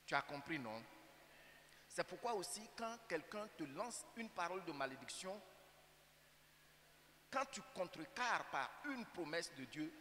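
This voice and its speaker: A man's voice: sits high, sharp tone. A man with an Ivorian French accent preaching a sermon as pastor, emphatic and full of rhetorical questions to the congregation. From Côte d'Ivoire. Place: church sanctuary. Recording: church hall reverb with faint hum.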